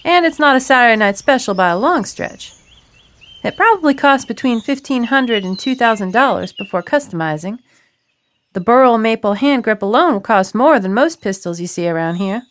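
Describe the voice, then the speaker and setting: A man's voice: extremely high pitch, animated, moderate pace, fairly bright tone, voice pushed up. A man voicing a sassy, folksy woman who knows a great deal about guns. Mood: knowing, folksy.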